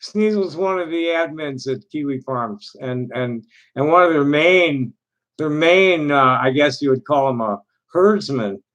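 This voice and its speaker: Man, slightly high voice, casual rambling host, blunt, sweary, halting phrasing. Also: lively intonation, a bit bright, poor audio. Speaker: host of an online discussion.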